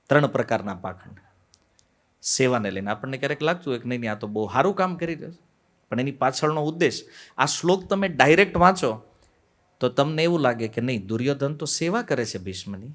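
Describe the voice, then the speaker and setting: A man gives a devotional lecture on scripture, telling stories, posing rhetorical questions and acting out the quoted voices. He swings between loud emphasis and quiet asides. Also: mid-range voice. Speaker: devotional speaker on the Bhagavad Gita.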